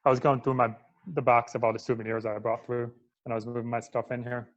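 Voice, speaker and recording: A man from Michigan chatting as a podcast guest, relaxed and full of "like" fillers. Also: medium pitch, quick pace, muffled recording. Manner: relaxed, filler-heavy, lots of "like". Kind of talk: casual interview chat.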